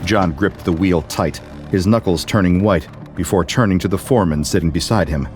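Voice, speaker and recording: A man narrating a scripted horror story in a steady, measured way. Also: low-pitched, faint music behind.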